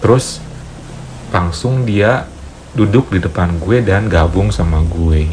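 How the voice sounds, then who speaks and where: A man's voice: deep voice, slow pace, slight background noise. A young man casually telling a personal story to viewers, chatty and playful. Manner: chatty, animated retelling with playful asides. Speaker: storyteller vlogger.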